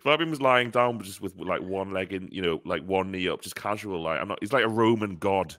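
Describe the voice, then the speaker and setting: A man co-hosting a fan podcast in casual, animated chat, joking and swearing now and then. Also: low-pitched, a little fast, no room sound, studio quality. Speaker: podcast co-host.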